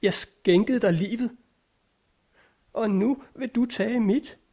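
A man's voice: sits high, a little mellow, voice pushed up. A man voicing a frightened fisherman who begs for his life in a read-aloud story. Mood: pleading. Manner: pleading, frightened. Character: desperate grown fisherman pleading for his life.

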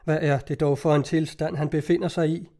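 A calm, gentle wife, read by a man narrating a novel speaks in a soft, reassuring way. The voice is mellow and a little high, kept close to a plain audiobook reading. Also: natural voice.

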